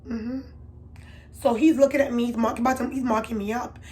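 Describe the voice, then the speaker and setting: A woman telling a candid storytime to her viewers, chatty and confiding, swinging from loud emphatic bursts to low murmurs. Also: steady tone, fairly quick. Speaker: beauty vlogger. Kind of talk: storytime vlog.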